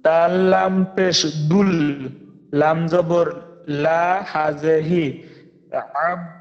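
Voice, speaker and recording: A man's voice: on the high side, muffled recording. A male student spelling out Arabic words letter by letter for his teacher. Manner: slow, flat letter-by-letter spelling. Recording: long hall reverb.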